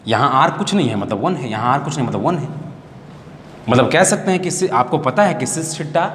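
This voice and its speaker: A man's voice: medium pitch, animated, a little fast, a bit bright. Male math teacher, Bihari accent, repetitive question-and-answer lecture style, faint hiss in an echoey hall. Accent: Bihari Hindi. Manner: repetitive, asks the class questions and answers them. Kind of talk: classroom lecture.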